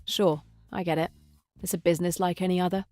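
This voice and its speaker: A woman's voice: fairly low pitch, level tone, fairly quick, warm tone, no room sound, lightly acted. An actress with an English accent playing an inquisitive young woman investigator in a video game, probing and wry in manner.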